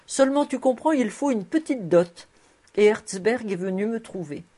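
A woman's voice: fairly high pitch, lively intonation, moderate pace, mellow. A woman doing a kindly, shrewd old rabbi. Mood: pleading. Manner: fond, knowing, pleading.

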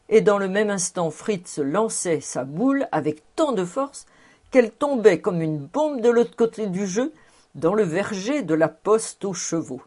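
A woman narrating a classic novel aloud in a measured, expressive reading. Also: fairly low pitch. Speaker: audiobook narrator.

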